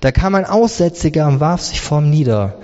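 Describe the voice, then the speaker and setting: A man preaching a sermon, emphatic, with his pitch swinging from high to low. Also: animated, fairly quick, warm tone. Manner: emphatic, rises and drops sharply in pitch. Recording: reverberant hall, dull sound.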